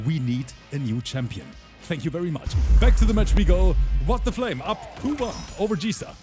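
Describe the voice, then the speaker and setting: Excitable high-voiced male esports host. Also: normal speed, over music. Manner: excitable, hyped, reads out chat. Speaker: tournament host and commentator. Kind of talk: esports play-by-play commentary.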